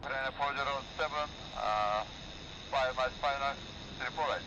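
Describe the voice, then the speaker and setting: A man's voice: medium pitch, moderate pace. Man on air traffic control radio. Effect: air traffic control radio transmission. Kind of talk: clipped aviation radio phraseology. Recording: distant radio feed with loud static noise.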